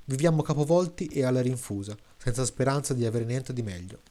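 A man's voice: medium pitch, brisk, warm tone, close to an everyday voice. A man voicing a second village woman who is combative and resigned.

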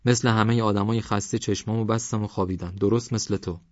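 A man voicing a calm, patient young man who reassures a frightened stranger. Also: on the low side, no room sound, voice pushed up, close to an everyday voice. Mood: reassuring. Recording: dry, slightly dull recording.

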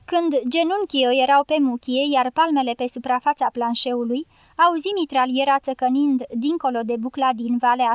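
A woman narrating a novel as an audiobook in a steady, measured way. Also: high voice, clear, resonant tone, dry recording. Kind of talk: scripted narration.

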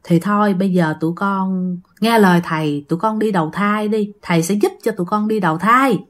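A woman's voice: medium pitch, brisk, close to an everyday voice. A woman voicing a stern older male exorcist master, commanding.

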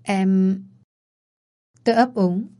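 A woman's voice: mid-range voice, extremely slow, mellow. A woman narrating a romance story, reading every character's lines in her own voice. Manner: reads all characters in one voice.

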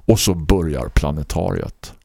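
A man hosting a casual chat, telling a story in a lively way and laughing often. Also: creaky, no room sound. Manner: animated, laughing storyteller with big swings in pitch. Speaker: host.

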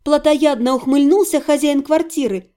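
A woman narrating a first-person fantasy audiobook in an expressive, lively reading. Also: sits high, moderate pace.

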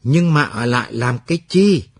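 An urgent young army officer, read by a man in a late-night radio story. He pushes hard and fast with a husky, lively voice. The sound is dry and close. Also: mid-range voice, no room sound. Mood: urgent, pressing. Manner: urgent and pressing.

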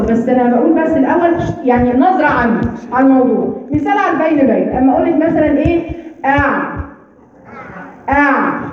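A woman with an Egyptian accent teaching recitation, explaining patiently, demonstrating letter sounds and checking understanding. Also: sits high. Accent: Egyptian Arabic. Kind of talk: informal lesson explanation. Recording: echoey, distant, dull room recording.

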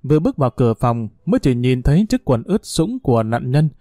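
Brief: male audiobook narrator, steady reading, dry close-mic sound. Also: medium pitch, fast, no room sound.

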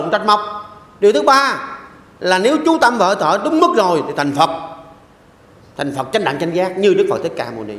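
High-pitched older monk preaching in echoey hall. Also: male voice, fairly bright tone. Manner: asks the audience rhetorical questions, repeats phrases. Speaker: Buddhist monk giving a dharma talk. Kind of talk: sermon. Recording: echoey hall with long reverb.

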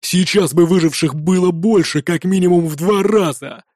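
A man's voice: on the high side, expressive, a little slow, mellow, no room sound, clean studio sound. A man voicing a hot-tempered, sarcastic male viking rower in an audiobook, sneering and hammering every word. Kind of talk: audiobook character voice.

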